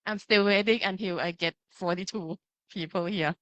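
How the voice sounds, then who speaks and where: In an interactive online lecture with slides, a Thai-accented pharmacy lecturer from Thailand speaks in simple phrases and keeps checking that her students are following. Her medium-pitched voice is a bit bright with fairly even intonation at a moderate pace, and the dry recording sounds dull.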